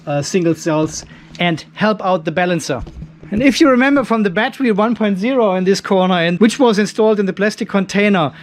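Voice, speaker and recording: The host of a DIY off-grid battery channel, a middle-aged man, gives a chatty, informal hands-on demo in his garage workshop, thinking aloud as he goes. His voice sits high, with slight background noise in the clip.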